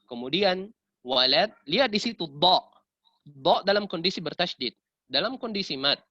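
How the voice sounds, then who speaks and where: A man with an Indonesian accent teaching Quran recitation rules in a bright, fairly high voice, correcting and demonstrating each sound. The recording is dry and a little dull. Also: expressive, moderate pace, dry recording. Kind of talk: tajwid lesson with recited examples.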